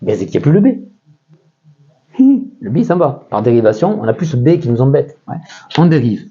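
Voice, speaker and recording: A man's voice: mid-range voice, animated, fast talker, dark tone, highs cut off. A man with a French accent teaching a math lesson in a casual way, thinking aloud with many fillers and often checking that his listeners follow.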